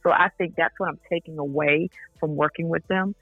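A woman's voice: low voice, steady tone, a little fast, breathy edge, no echo, soft background music. A woman singer speaking as an interview guest, earnest and enthusiastic. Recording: tinny phone line.

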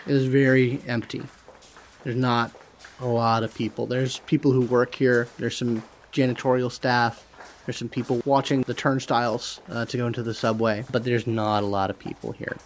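A man's voice: mid-range voice, flat delivery, normal speed, a little hiss or hum. A man running a tabletop role-playing game as game master, narrating the scene in a loose, casual way.

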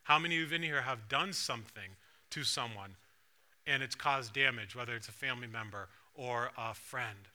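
Bright-voiced man preaching a sermon. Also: mid-range voice, normal speed. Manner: conversational, asks the congregation questions. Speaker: pastor. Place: church sanctuary.

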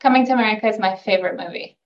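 A woman's voice: mid-range voice, very fast. A woman in her forties from Norway, a chatty, friendly podcast guest. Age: 40s. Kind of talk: casual podcast interview. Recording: dull lo-fi sound.

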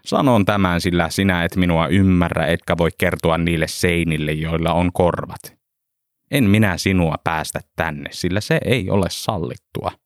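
A man voicing a gruff, hostile male gate guard who talks curtly and with scorn, a bit lower and quieter than his narration. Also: fairly even intonation, no room sound, clean studio sound, natural voice. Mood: scornful. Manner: curt, scornful.

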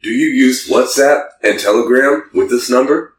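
Reading texts out for comedy, this man trips lightly over their broken English, clearly amused. He speaks at a moderate pace in a medium pitch, sounding far from the microphone in an echoey room.

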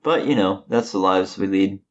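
This late-twenties podcast co-host has a low voice at normal speed, with the high frequencies cut off in the audio. Chatting casually, he meanders through a story, a slight lisp left by knocked-out teeth.

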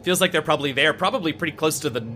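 A man's voice: fairly high pitch, very fast, bright, forceful tone, slight background noise. A man speaking as game master, casually improvising narration and bantering with players. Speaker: game master of a tabletop role-playing game.

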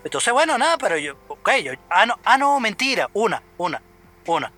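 Animated Venezuelan man telling a story. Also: sits high, normal speed. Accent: Venezuelan Spanish. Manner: animated storyteller, stammers and curses often. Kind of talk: casual chat.

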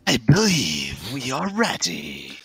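A man at a tabletop game speaks slowly and deliberately, dropping into a hushed whisper now and then. His voice is gravelly and husky, with expressive pitch swings and a dry, close sound. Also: no room sound. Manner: slow, hushed, deliberate delivery, at times whispered. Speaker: player. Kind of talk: in-character tabletop role-play.

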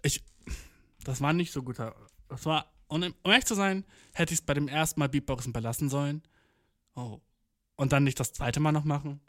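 A man's voice: on the high side, moderate pace, no room sound, clean studio sound. A young man telling a rambling comic story in a slangy, swearing manner, dropping English phrases and acting out quotes. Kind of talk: rambling comedic monologue.

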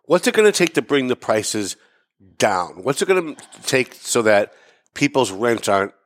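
A man in his fifties hosts a relaxed interview chat. He asks long, rambling questions and makes self-mocking jokes along the way. His voice sits at an ordinary middle pitch. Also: normal speed. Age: 50s. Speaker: host. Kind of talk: casual interview talk.

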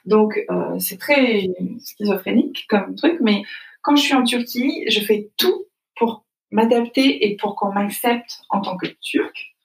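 A French woman appears as a guest in a casual conversational interview, speaking a little slowly in a creaky, mid-range voice with lively intonation. She is reflective and full of hesitant fillers, and she sounds distant from the mic in an echoey room.

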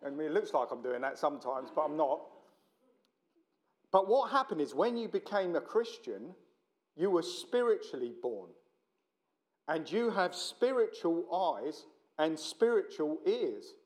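A man's voice: on the high side, very animated, measured pace. A middle-aged man with a South London accent preaching in a chatty, joking, blokey and self-deprecating way, as a visiting speaker. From South London, England. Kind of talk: informal sermon to a church meeting.

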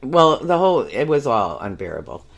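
A woman's voice: extremely low pitch, very animated, moderate pace, vocal fry. A woman co-hosting a casual fan podcast, frank and opinionated, who laughs easily. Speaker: podcast co-host.

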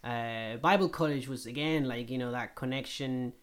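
A man of mid-range pitch speaks. He tells his own story in an earnest, reflective way. This is a casual conversation about faith. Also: normal speed. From Chile. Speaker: missionary guest.

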